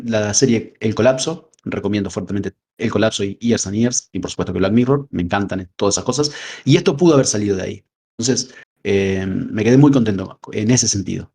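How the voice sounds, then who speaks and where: A man with a low, husky voice and a Rioplatense Spanish accent talks through a film in a loose podcast chat. He rambles, stacking up filler words as he thinks aloud. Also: a little mellow. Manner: rambling, frequent "este" fillers. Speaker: podcast co-host. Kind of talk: casual film discussion.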